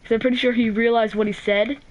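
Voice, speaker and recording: A woman's voice: a little high, flat delivery, quick pace, a little hiss or hum, rough recording. A teenage girl hosting a gaming channel, telling a story in a rambling, casual way full of "like", restarts and swearing.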